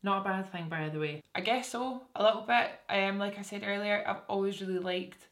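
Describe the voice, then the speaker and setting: A young Scottish woman, a beauty vlogger, chats casually to camera in a small room with a curtain backdrop. Her mid-range voice is steady, fairly quick and fairly bright as she answers viewers' assumptions about her, poking fun at herself and restarting often.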